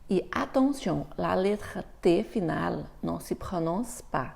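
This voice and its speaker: A woman teaching a beginner French lesson, speaking slowly and demonstrating pronunciation with care. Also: on the low side, animated, vocal fry, a little mellow. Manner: slow, careful pronunciation demos.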